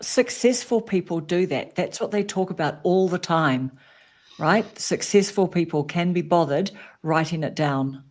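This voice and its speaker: A co-host chimes into a casual livestream conversation. The remarks are agreeable and joking, and they come as quick asides. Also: mid-range voice, expressive.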